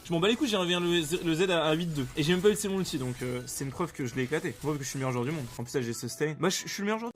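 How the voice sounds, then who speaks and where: A man giving excited live commentary on his own game play, excitable and swearing freely, bursting into shouts. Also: a little high, background noise. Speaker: streamer playing an online battle game.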